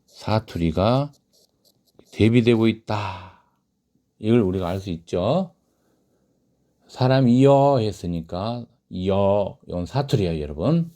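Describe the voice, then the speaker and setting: A man's voice: on the low side, expressive, slow, mellow. Man teaching a literature class. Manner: asks the class questions and answers them himself; reads quoted lines aloud in a raised voice. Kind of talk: classroom lecture on a short story.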